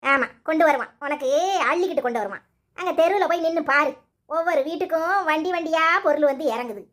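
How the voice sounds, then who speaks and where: A woman voices an old, nagging mother-in-law with a sharp tongue for a cartoon, letting loose quick, sarcastic scolding in Tirunelveli Tamil. Her voice is high-pitched.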